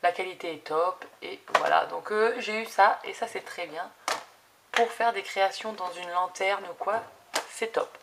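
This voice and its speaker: A woman in her thirties talks through a craft unboxing at her desk, chatty and enthusiastic, stumbling over fillers. Her voice sits at an ordinary middle pitch. A steady background noise runs under the camera recording. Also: normal speed. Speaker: craft YouTuber. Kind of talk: casual unboxing chat. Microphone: camera set low on desk.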